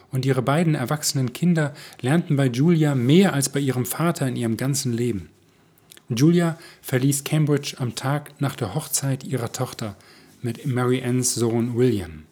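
A man calmly reading aloud his own story as narrator. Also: mid-range voice, breathy edge. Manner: calm, measured. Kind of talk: scripted narration.

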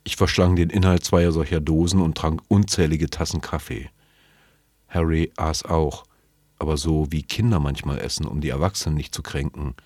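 A man reading a novel aloud in measured, sober, first-person storytelling. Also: very deep voice, fairly even intonation, a little mellow, breathy edge, no room sound, clean studio sound. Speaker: narrator.

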